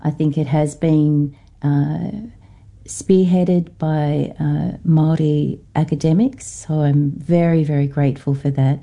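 Guesting on a radio interview, this Norfolk Island academic, a woman whose accent leans Australian, speaks reflectively, pausing often and using fillers. Her voice is low and warm with fairly even intonation.

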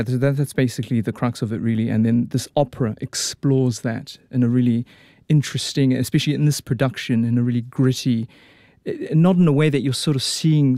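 A man talks easily as an interview guest, his voice mellow and warm. He circles back with fillers and restarts, and the sound is dry and close. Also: medium pitch, no room sound. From New Zealand. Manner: chatty, frequent fillers and restarts. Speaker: opera tenor guest. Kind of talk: casual radio interview.

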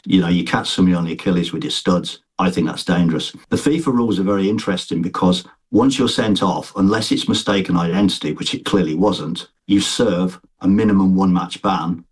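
A man's voice: low-pitched, brisk, few pauses, slightly rough. A man giving spoken interview commentary as an experienced football referee.

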